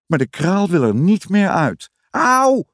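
A man reading a children's story aloud in an expressive, sing-song storytelling manner. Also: on the high side, unhurried, no room sound, studio quality. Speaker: narrator.

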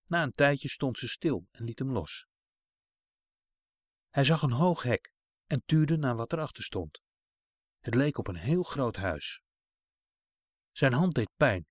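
A man narrating a children's story in a calm, measured way. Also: medium pitch, dry recording, studio quality.

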